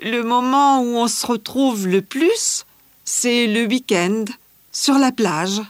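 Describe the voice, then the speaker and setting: A friendly teenage schoolgirl, played by a woman talks slowly and clearly in a scripted language-exam interview. Her voice sits fairly high for a woman. The recording is dry and close, with no room sound. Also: no room sound. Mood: calm chatty. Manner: measured, clearly articulated scripted delivery. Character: cheerful teenage Australian schoolgirl, fashion-loving.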